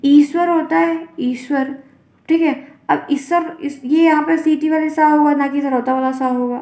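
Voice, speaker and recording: A woman's voice: high voice, fairly even intonation, moderate pace, a little mellow, reverberant. A woman teacher giving an online exam-prep lesson, explaining by repeating example words and quizzing her class.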